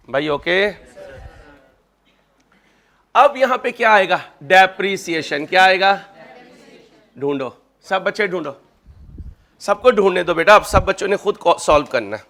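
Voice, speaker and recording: High-voiced joking male accounting lecturer. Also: sharp tone. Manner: chatty, joking, addresses students as kids. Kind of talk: classroom lecture with personal anecdotes.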